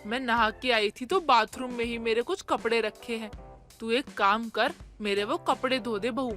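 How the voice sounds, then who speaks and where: A woman plays a stern, exasperated mother-in-law from an animated storybook, talking in a somewhat high voice. She scolds in a tired, grumbling way. Soft music plays underneath. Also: moderate pace, natural voice. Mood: complaining. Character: stern mother-in-law, middle-aged woman, easily worn down.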